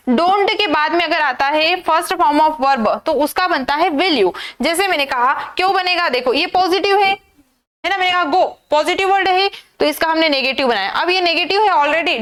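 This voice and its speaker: Indian woman teacher, very high voice, drills exam grammar with repeated questions. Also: fairly bright tone. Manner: repetitive drilling with rhetorical questions. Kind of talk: exam-prep grammar lesson.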